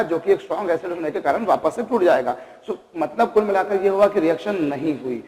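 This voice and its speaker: A man gives a chemistry lecture, stopping now and then to pose rhetorical questions and addressing his students as kids. His voice is high for a man, with a darkish tone. A long reverb suggests a classroom with hard surfaces.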